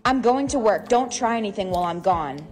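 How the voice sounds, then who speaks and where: A woman's voice: mid-range voice, lively intonation, brisk, a little mellow, soft background music, close to an everyday voice. A woman playing a strict, bossy mother in a short skit, giving firm instructions. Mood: stern. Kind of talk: short social-media skit acting.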